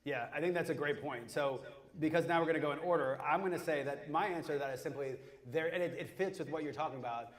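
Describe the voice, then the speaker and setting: A quick-talking man with a slightly raised voice hosts a live stage panel. His talk is casual and rambling, full of jokes and asides to his guests. He keeps things loose and informal. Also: fairly high pitch. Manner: casual, rambling, joking banter. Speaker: panel moderator and podcast host.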